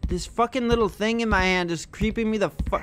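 A man's voice: sits high, brisk, fairly bright tone, a little hiss or hum. A young man giving scared horror game commentary, jumpy and foul-mouthed, exclaiming and muttering to himself. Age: young adult. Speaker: gaming streamer. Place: indoor room at home. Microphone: close desk microphone with headset headphones.

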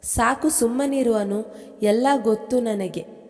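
A woman's voice: on the high side, slow pace, a little mellow, in a large hall. A woman voicing a stern, accusing mother-in-law who scolds sharply.

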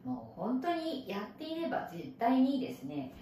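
A lively woman teacher with a Japanese accent explains English words, her voice bouncing up and down in pitch. She sits a bit back from the microphone in a very echoey room, with a faint hum behind her. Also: normal speed, far from the mic. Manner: animated, explains with playful sound effects. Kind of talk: recorded English lesson.

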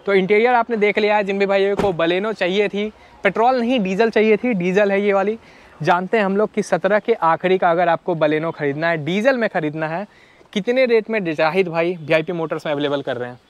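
A young man with a high voice hosts a car vlog, giving a casual walkaround of vehicles on an outdoor used-car lot. He talks a bit fast and chattily, mixing in English phrases and calling his viewers brothers, and his clip-on lapel mic yields a somewhat muffled recording.

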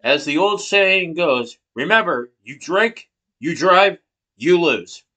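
A man in his thirties, recorded by a laptop webcam from below in a small room, gives a persuasive speech for class that's partly read from notes. Fairly high in pitch, his voice sounds pushed and bright, animated but slow-paced, as he asks rhetorical questions and gestures emphatically.

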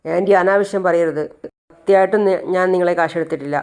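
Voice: mid-range voice, fairly even intonation, fast talker, darkish tone, clear, resonant tone, close to an everyday voice. Narrator doing a wrongly accused young man. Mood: pleading. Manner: pleading, denying.

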